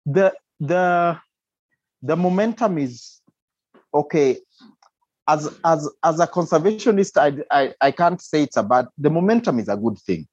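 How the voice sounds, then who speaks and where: A man's voice: on the high side, animated, unhurried, darkish tone, breathy edge, no room sound. Kenyan-accented man, muffled lo-fi sound. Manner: emphatic, repeats phrases for stress. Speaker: interview guest, conservationist. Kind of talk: spoken interview, explaining and opining. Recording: dull, muffled lo-fi audio.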